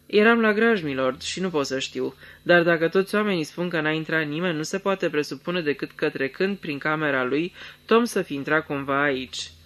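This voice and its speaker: A man's voice: fairly high pitch, fairly bright tone, natural voice. A man voicing a sly, fawning jockey servant in a radio theatre reading, servile and ingratiating.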